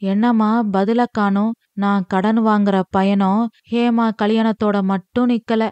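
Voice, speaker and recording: A woman voicing a grown son who bitterly protests over the family's debts, talking fast and exasperated. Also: mid-range voice, flat delivery, darkish tone, clean tone, dry recording, lightly acted.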